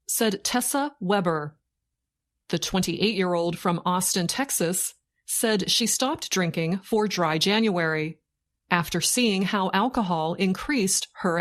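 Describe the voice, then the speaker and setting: Woman reading slowly and deliberately, dictation-style. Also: medium pitch, expressive. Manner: slow, deliberate, short phrases with pauses, like dictation. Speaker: narrator. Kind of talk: slow scripted learning-English news reading.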